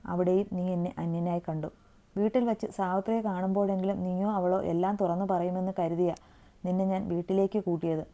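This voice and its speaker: A woman's voice: on the low side, steady tone, fairly quick, warm tone, close to an everyday voice. A woman voicing a hurt but loyal young man who reproaches his friend in an earnest storytelling voice. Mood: reproachful.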